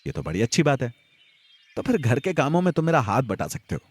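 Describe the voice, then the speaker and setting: A man's voice: mid-range voice, very animated, brisk, slightly rough, dry recording, pitched above the performer's own voice. A man voicing Radha, a teenage village girl chiding her older brother in a matter-of-fact way in a Hindi audio story. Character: teenage village girl, bossy younger sister.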